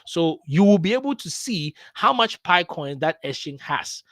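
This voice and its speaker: Man, stream host, slightly high voice, dry sound, step-by-step explaining. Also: very animated, normal speed, fairly bright tone, no echo. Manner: explains step by step, many "um" fillers. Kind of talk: casual live-stream talk.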